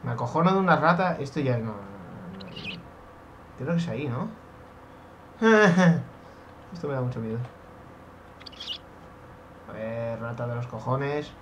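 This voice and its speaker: A young man from Spain with a Spanish accent, giving excitable Minecraft let's play commentary, swearing and shouting when startled. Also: mid-range voice, normal speed, pauses often, highs cut off, a little hiss or hum. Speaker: gaming youtuber.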